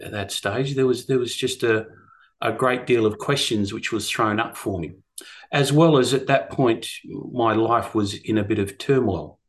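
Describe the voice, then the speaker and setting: A middle-aged man with an Australian accent, telling his story reflectively in a hesitant, thoughtful way. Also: mid-range voice. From rural Australia. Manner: hesitant, thoughtful phrasing with repeated words. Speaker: guest, course teacher. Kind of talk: reflective personal storytelling in conversation.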